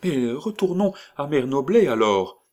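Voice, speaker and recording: A wide-eyed little girl full of eager questions, as a male narrator puts her on in a storybook. The pitch sits far above his own and jumps about brightly. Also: big pitch swings, a little slow. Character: curious, trusting little girl. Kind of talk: audiobook character voice.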